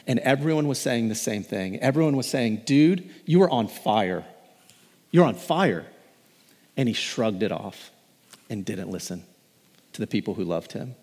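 A pastor in his thirties preaching a sermon, telling stories and rising in pitch and volume when he reads scripture. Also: normal speed, slightly rough. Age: 30s. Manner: storytelling, rising loud and high when reading scripture. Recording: long hall reverb.

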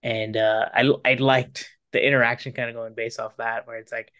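A man co-hosting a podcast, chatting casually about a film in a rambling, halting way with many fillers and restarts. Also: medium pitch, little pitch movement, bright, forceful tone, clear, resonant tone, no echo, clean studio sound. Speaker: podcast co-host.

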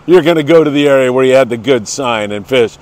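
A man's voice: medium pitch, fast talker, a little mellow, poor audio. A man with a lingering cold hosting an upbeat morning fishing briefing, talking to viewers in an effusive, folksy way. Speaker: host of a fishing report show. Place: outdoors by the coast in the morning.

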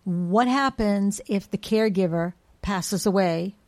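A woman's voice: medium pitch, a little slow, darkish tone. A woman co-hosting a casual podcast, speaking in a thoughtful, reflective, conversational way. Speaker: co-host from a home care agency.

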